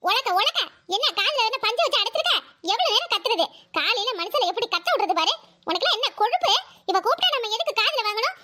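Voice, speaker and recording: A woman voicing a loud, scolding middle-aged aunt in a Tamil village cartoon, shrill and given to wailing. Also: big pitch swings, quick pace, a little hiss or hum, full character voice. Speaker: cartoon character.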